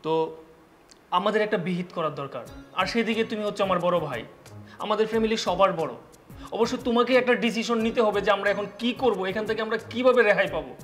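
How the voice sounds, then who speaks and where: A man's voice: high-pitched, fast talker, fairly bright tone, soft background music. An actor playing a younger son who soothes his wife and urges his brother to act. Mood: pleading. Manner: coaxing, reassuring. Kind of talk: village TV drama acting.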